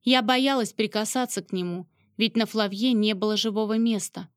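A woman's voice: mid-range voice, steady tone, moderate pace, dry recording, studio quality. A woman narrating a first-person romance novel with emotional, dramatic storytelling. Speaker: audiobook narrator.

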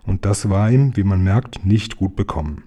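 A man reads a children's novel aloud at an even storytelling pace. His voice is low and dark with a husky grain. He stays calm throughout. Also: moderate pace. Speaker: audiobook reader.

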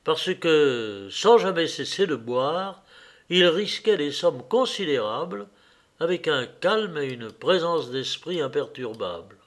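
A man narrating a classic novel aloud in a measured, even manner. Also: on the high side. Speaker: audiobook reader.

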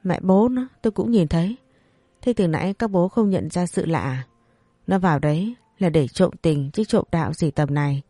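A narrator voicing crude, swearing village patrolmen, raised a bit higher. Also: normal speed, mellow, no echo, close to an everyday voice. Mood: mocking. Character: coarse rowdy village patrolmen, men.

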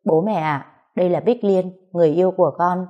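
A woman's voice: fairly low pitch, fairly quick, muffled recording, natural voice. A woman voicing a young man in a read-aloud story, politely pleading with his parents.

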